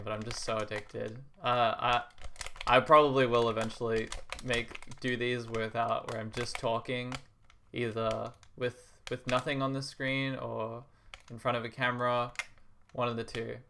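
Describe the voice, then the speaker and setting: A young man thinks out loud while gaming, his talk loose and halting, full of restarts and soft chuckles. His voice sits at an ordinary middle pitch. Faint keyboard clicks and a light hiss sit under his speech. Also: flat delivery. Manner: rambling and hesitant, full of restarts; soft and reflective, with quiet laughs. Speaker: gaming video creator. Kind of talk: casual musing while playing a video game.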